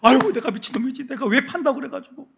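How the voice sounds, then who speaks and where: A grown brother bewails his own guilt in a high, self-reproaching wail, as a preacher acts him out. Each phrase sounds pained and regretful. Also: fast talker, gravelly, a bit bright, slightly rough, exaggerated voice. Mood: remorseful wailing.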